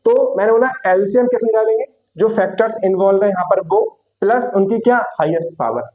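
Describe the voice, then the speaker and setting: A man's voice: high-pitched, expressive, fairly quick, dull audio. A young adult man teaching a maths lesson online, repeating questions and answers and calling students "beta".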